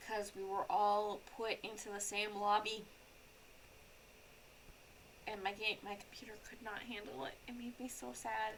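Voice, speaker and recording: A woman's voice: medium pitch, little pitch movement, a little slow, long pauses, a little hiss or hum, poor audio. A young adult woman streamer chatting casually while playing a game, rambling with lots of fillers and restarts.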